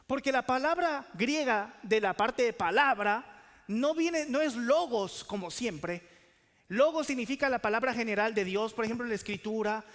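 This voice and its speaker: A man's voice: extremely high pitch, moderate pace, fairly bright tone, in a large hall. A man preaching a sermon as pastor, asking the congregation questions and calling for answers.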